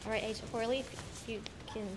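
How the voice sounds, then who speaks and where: A woman, questioning a witness in a courtroom recording, speaking in a steady, methodical way with frequent ums. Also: on the high side, brisk, music in the background. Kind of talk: courtroom examination. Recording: courtroom recording with clear room noise.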